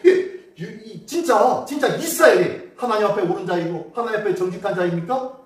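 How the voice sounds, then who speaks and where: A male pastor preaching a Sunday sermon, telling the story in a lively way and asking the congregation questions. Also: high voice, brisk, distant mic. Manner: animated storytelling, acts out quotes and asks the congregation questions. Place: church sanctuary. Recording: very echoey hall, voice from afar.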